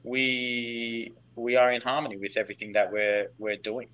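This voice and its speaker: A man's voice: mid-range voice, flat delivery, moderate pace, fairly bright tone, low-quality recording. A man in his thirties from Western Australia with an Australian accent, answering as a podcast guest in a rambling way with many fillers. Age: 30s. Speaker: guest, company founder.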